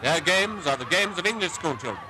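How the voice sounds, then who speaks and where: A man narrating a 1940s newsreel in a formal, measured announcer style, heard as old archive film sound. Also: on the high side, lively intonation, poor audio. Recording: old newsreel with music underneath.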